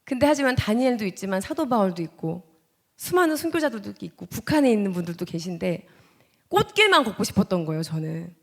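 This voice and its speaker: A woman in her thirties gives a church testimony as a guest speaker. She tells her story with strong feeling and acts out her own past words. Her voice swings from loud, heated lines to hushed ones that drop close to a whisper. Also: mid-range voice, sing-song, fast talker, creaky. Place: church sanctuary.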